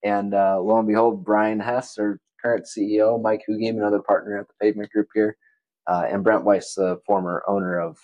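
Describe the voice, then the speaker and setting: A man's voice: fairly low pitch, a little fast, no room sound, dull audio. A man from Wisconsin, a podcast guest, telling stories casually with lots of fillers and easy laughter. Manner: relaxed, chatty, laughs often, many fillers like "you know" and "like". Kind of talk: casual conversational storytelling.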